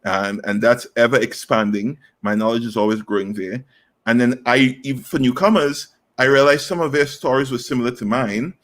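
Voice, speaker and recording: With medium pitch, fairly even intonation and a normal pace, this man's voice has a fairly bright tone. He's a Trinidadian in his thirties, an inclusive recruitment specialist interviewed as a guest, replying earnestly while often using fillers and starting over.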